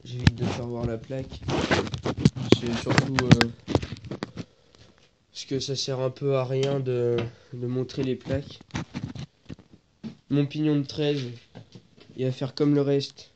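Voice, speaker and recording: Slow and pausing often, a teenage boy with a cold speaks at a medium pitch with little pitch movement, reaching for words as he goes. He's filming his moped repairs for a casual vlog on a phone that he holds, then props up. The result is dull lo-fi audio with noise.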